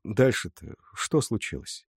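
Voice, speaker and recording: A man's voice: lowish voice, sing-song, unhurried, husky, no echo, clean studio sound, voice pushed up, exaggerated voice. A man voicing a grown son who speaks sullenly but soothes his mother. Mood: gruff. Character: grown son, gruff and gentle.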